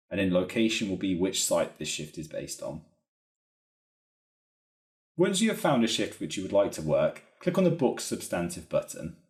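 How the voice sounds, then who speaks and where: The sound is echoey and roomy as a software trainer with a fairly low voice guides listeners through an instructional walkthrough. He lays out each step methodically, using lively, varied intonation.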